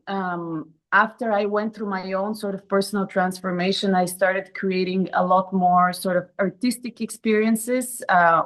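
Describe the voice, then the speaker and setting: A woman's voice: medium pitch, low-quality recording. A woman from Bulgaria, a guest in an interview, speaking casually with many fillers and restarts.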